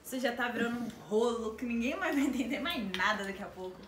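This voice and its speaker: A woman's voice: a little high, fast talker, fairly bright tone. A young woman in a playful vlog squabble, insistent and mock-offended, repeating her refusals. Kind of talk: playful bickering vlog chat. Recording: echoey room with crowd chatter.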